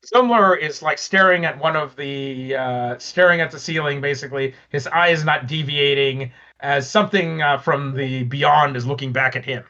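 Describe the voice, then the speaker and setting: Male game master, hesitant narration full of fillers; bright tone, muffled lo-fi audio. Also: fairly high pitch, moderate pace. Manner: hesitant, many fillers, chuckling.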